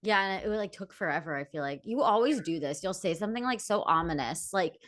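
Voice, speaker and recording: Young adult woman, podcast co-host; lowish pitch, easygoing and reflective, with lots of "like". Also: a little fast. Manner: relaxed, reflective, says "like" a lot. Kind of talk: casual chat.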